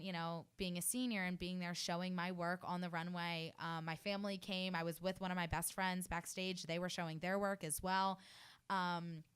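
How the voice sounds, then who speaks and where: A woman's voice: lowish voice, fairly bright tone, smooth. A young woman in her early twenties from New Jersey, a fashion student telling her story in a radio interview, earnest and effusive with many fillers. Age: early 20s. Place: radio studio.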